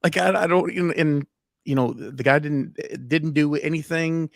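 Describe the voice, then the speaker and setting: Guy chatting on a podcast, gravelly voice, rambly stories, dry close sound. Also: fairly high pitch, normal speed, dry recording. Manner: rambling storyteller with many fillers and restarts. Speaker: guest. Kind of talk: casual podcast chat.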